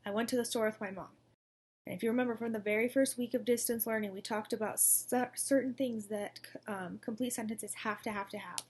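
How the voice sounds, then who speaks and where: A woman's voice: on the high side, a little mellow, husky. A young woman teaching a recorded lesson to second graders, in an upbeat, coaxing manner. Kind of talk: recorded distance-learning lesson.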